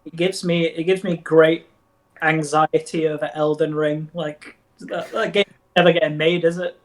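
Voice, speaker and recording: A man's voice: a little high, steady tone, normal speed. A man in crude, teasing casual chat with friends over an online voice call. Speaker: tabletop game player.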